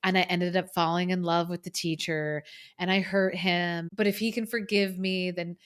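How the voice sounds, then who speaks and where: A woman's voice: on the low side, steady tone, moderate pace, smooth. A woman in her thirties co-hosting a podcast, animatedly recapping a movie, acting out quotes and swearing for emphasis. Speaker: podcast co-host. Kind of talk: casual movie recap chat.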